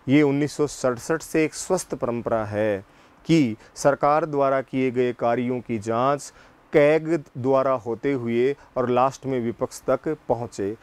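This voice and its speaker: A man's voice: mid-range voice, darkish tone, clear, resonant tone. A man teaching political science in a classroom lecture, asking questions and answering them himself and repeating the key points. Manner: slow, deliberate delivery.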